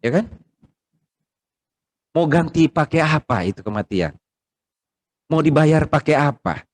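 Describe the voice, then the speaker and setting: A middle-aged man, preaching a conversational sermon and asking the congregation questions, loud emphatic bursts giving way to quiet asides. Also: expressive, a little slow. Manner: swings between loud rising emphasis and quiet low asides. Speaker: pastor. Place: church service hall, streamed online.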